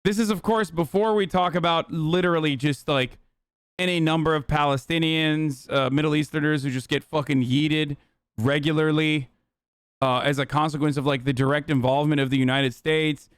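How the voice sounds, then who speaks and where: On his stream, a man reacts to clips with blunt political commentary, swearing freely and using plenty of fillers. His somewhat high voice is smooth and resonant, with fairly even intonation at a normal speed. The recording is dry and close, with no room sound.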